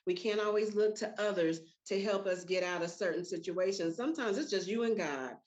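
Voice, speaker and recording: A middle-aged woman hosting a casual podcast chat, telling stories with lively voiced quotes. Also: medium pitch, fairly quick. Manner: animated storytelling with voiced quotes. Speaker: podcast host.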